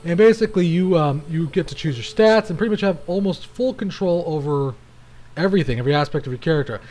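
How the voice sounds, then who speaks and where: A man's voice: on the high side, fast, darkish tone. Chatty man narrating a video game. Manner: chatty, rambling, frequent restarts. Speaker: gaming channel host. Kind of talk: casual gameplay commentary.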